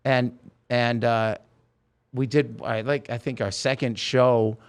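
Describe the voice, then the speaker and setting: A man's voice: medium pitch, slow pace, clear, resonant tone. A man telling a long backstage story in a casual interview, acting out the people he quotes. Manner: animated anecdote teller, acts out quoted voices. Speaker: guest musician.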